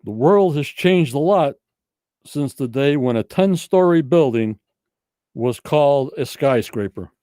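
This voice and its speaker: Folksy, rambling trivia-night host. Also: male voice, medium pitch, expressive, a little slow, warm tone, clear, resonant tone, no echo, clean studio sound. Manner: folksy, rambling, jokey game-show patter. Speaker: host of a livestream trivia game. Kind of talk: casual livestream chat.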